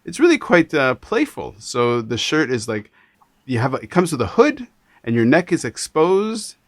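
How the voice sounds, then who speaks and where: Canadian guy hosting a chat, middle pitch, rambly and lively, dead dry sound. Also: normal speed, no echo. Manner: animated, rambling with many restarts. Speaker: podcast host. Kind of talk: casual interview chat.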